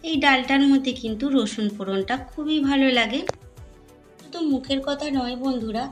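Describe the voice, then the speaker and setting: A woman's voice: high-pitched, a little fast, faint music behind. A middle-aged woman narrating a home cooking and garden vlog. She chats with her viewers and calls them her friends. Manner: chatty, addresses viewers as friends. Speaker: home vlogger.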